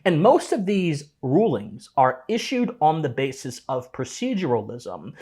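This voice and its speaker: A man delivering solo political commentary in an impassioned, lecturing way, often restarting his sentences. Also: a little high.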